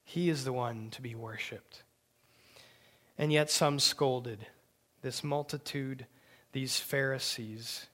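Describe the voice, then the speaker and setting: A man preaching a sermon with emphatic delivery, dropping to hushed near-whispers on key words. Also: medium pitch, slow pace, long pauses. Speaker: pastor.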